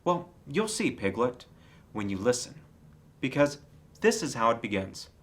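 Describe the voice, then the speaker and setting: A man as Pooh, earnest lively toy bear. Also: mid-range voice, a little slow. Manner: earnest, musing, slightly muddled. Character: kindly, simple-minded male toy bear, earnest and confident.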